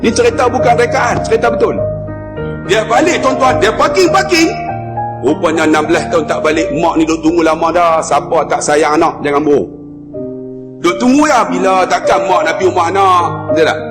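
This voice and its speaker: High-voiced preacher. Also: male voice, a little fast, in a large hall. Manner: dramatic storytelling, acting out voices. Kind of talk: storytelling sermon. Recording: loud music under the voice.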